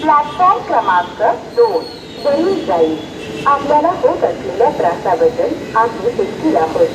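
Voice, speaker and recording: Woman, station loudspeaker announcement, rather high voice, slow and formal, echoey, far from the mic. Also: very animated. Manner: slow, formal, sing-song pitch leaps between stitched words. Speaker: railway announcer. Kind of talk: recorded train announcement. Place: outdoor railway platform. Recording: echoey loudspeaker from far off, loud platform noise. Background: trains and station bustle.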